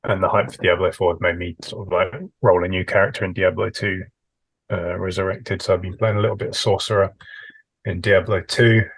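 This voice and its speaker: Podcast co-host: British guy with a low, slightly raspy voice, dry understated humour. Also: flat delivery, a little fast, fairly bright tone. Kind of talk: casual chat.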